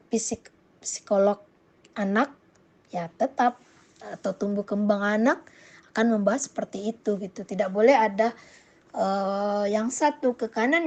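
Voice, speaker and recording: At medium pitch, a woman delivers an informal talk on Islamic parenting and takes questions from viewers. She hesitates a lot, using many fillers and correcting herself, and becomes animated when voicing examples.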